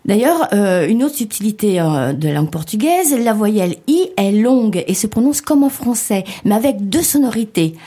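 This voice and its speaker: A woman co-hosting a French-language lesson, explaining pronunciation step by step and spelling letters out slowly. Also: mid-range voice, big pitch swings, dark tone, slightly rough. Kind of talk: scripted lesson dialogue.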